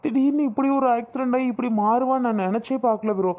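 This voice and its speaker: A woman's voice: a little high, fast talker, darkish tone, lo-fi sound, close to an everyday voice. A woman voicing an insistent, pleading young man in a cartoon who begs his ex-girlfriend to take him back. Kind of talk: cartoon voice acting.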